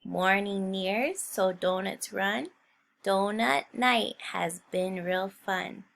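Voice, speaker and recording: A woman teacher reads a picture book aloud to young children, telling the story expressively. Her medium-pitched voice is slow and gravelly.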